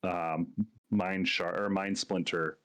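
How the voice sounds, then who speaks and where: A man's voice: deep voice, level tone, slow pace, a bit bright. A man playing in a tabletop game, chatty and laughing at his own jokes. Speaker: player. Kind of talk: casual game talk.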